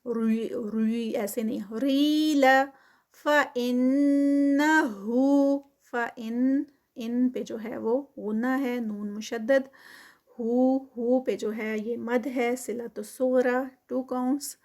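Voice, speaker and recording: A woman teaching Quran tajweed, reciting slowly and drawing out the words, then explaining the rules quickly. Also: a little high, fairly even intonation, mellow. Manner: slow drawn-out recitation between quick explanations. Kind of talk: tajweed lesson.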